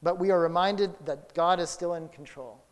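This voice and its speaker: Man, sermon, high voice, storytelling preacher, swings from loud to hushed, long hall echo. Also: moderate pace. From Houston area. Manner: storytelling, dramatic swings in loudness.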